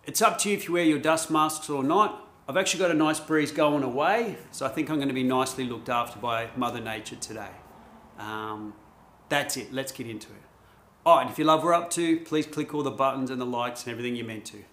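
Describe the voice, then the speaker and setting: A man's voice: mid-range voice, a little fast, fairly bright tone. Chatty Australian man in an echoey garage. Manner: chatty, laid-back, lots of ums. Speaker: host. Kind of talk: casual DIY vlog. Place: home garage workshop.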